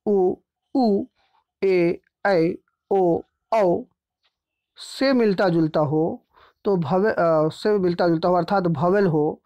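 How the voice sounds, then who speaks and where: A male teacher walks pupils through a grammar lesson. His delivery is patient and repetitive, and he keeps pausing to check that everyone is following. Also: high voice, a little mellow, lo-fi sound. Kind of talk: grammar lesson explained step by step.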